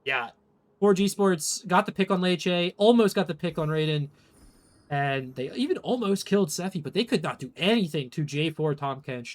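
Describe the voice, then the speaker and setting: A hoarse man calling live esports play-by-play, excitable and quick in his calls. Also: fairly high pitch. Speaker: esports caster.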